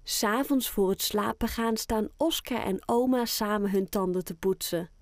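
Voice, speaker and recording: A woman narrating a children's audiobook in a clear, gentle storytelling manner. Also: mid-range voice, moderate pace, no room sound, studio quality.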